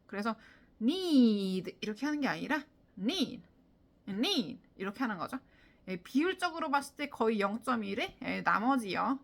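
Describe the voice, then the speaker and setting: Lively woman teaching English listening. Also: a little high, creaky. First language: Korean. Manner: animated, demonstrates English sounds and stress aloud; frequent fillers, talks directly to viewers. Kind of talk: video lesson on English listening.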